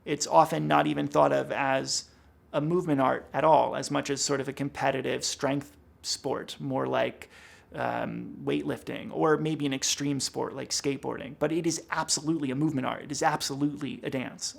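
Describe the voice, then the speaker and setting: Gravelly man explaining a dance production. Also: mid-range voice, fairly even intonation, moderate pace. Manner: thoughtful, explanatory. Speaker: production director. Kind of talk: behind-the-scenes interview.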